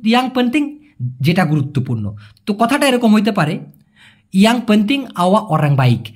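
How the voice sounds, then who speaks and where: Male tutor, husky, lively intonation, jokey and casual. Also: high-pitched. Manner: chatty and animated, jokes in colloquial asides. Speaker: language teacher. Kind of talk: casual video lesson.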